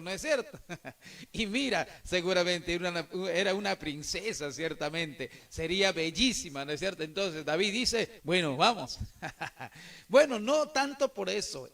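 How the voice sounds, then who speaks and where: A man preaching an animated sermon, asking rhetorical questions and acting out the people he quotes. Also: high-pitched, vocal fry, distant mic. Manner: rhetorical, repeats "no es cierto", acts out quotes.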